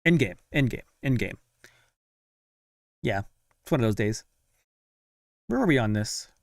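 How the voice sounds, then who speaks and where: A man's voice: mid-range voice, animated, no echo, studio quality. A young man chatting casually on a live stream while following a game, talking to himself and his viewers. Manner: chatty, self-talking, sighs of frustration and quick laughs.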